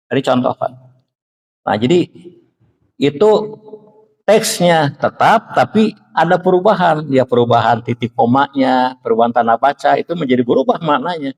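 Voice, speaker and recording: A man with a Sundanese accent giving a conversational religious lecture in a mosque, often addressing the listeners directly and reciting verses slowly. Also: fairly high pitch, darkish tone, big-room sound. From Indonesia. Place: mosque hall.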